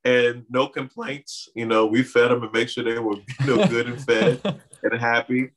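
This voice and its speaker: His voice is mid-range and his delivery a little slow. In this interview conversation, the Bahamian guest raised in Miami, who works as an artist and community organizer, tells lively stories loaded with "you know" fillers.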